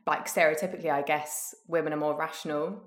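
A woman's voice: low-pitched, steady tone, fast talker. A woman talking casually as a panel guest, giving her opinion in conversation. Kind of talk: casual chat. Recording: echoey room.

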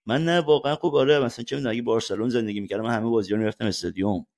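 A man's voice: mid-range voice, gravelly, a little mellow. A man from Iran, a sports journalist guest, chatting casually on a podcast and often laughing as he tells stories.

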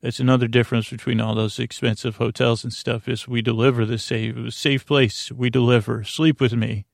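The host and creator of a sleep podcast talks gently to the listener in a soothing, lulling bedtime monologue, his gravelly, creaky voice staying quite flat in pitch. He meanders at a moderate pace, hesitating, repeating himself and trailing off mid-word. The sound is close and dry, with no room sound.

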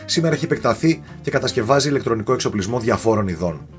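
A man telling a story in a casual podcast chat, animated and often tripping over foreign names. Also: medium pitch, soft background music.

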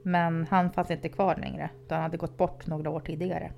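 A woman reading a horror story aloud for a podcast in a calm, measured way. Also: low-pitched, vocal fry, dull audio, soft background music.

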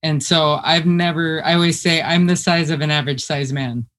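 At a normal speed, a woman from the US Midwest with a deep voice relates her story as an interview guest. She chats in a lively way and keeps laughing while she talks.

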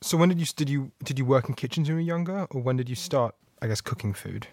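A man's voice: medium pitch, expressive, fast, darkish tone, no echo. Casual male interviewer, close dry sound.

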